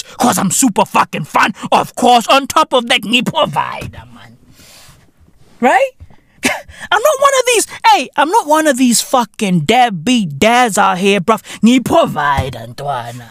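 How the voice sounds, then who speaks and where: Loud, rambling man. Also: very high voice, creaky, no echo, studio quality. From South Africa. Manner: loud, rambling, laughing, heavy slang. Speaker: podcast host. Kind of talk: profane comedic monologue.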